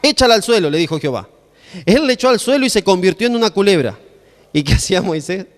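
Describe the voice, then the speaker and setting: A man's voice: sits high, fast talker, in a large hall. A man with an Argentine Spanish accent preaching a sermon, telling stories with humorous asides and tag questions. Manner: lively storytelling, humorous asides, frequent "¿no?". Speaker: pastor.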